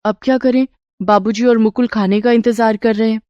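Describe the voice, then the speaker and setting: An eager young daughter-in-law from an animated storybook, as a woman puts her on. She talks high and excited, always wondering and asking questions. The recording is close and dry. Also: a little fast, no room sound, highs cut off, lightly acted. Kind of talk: storybook character voice.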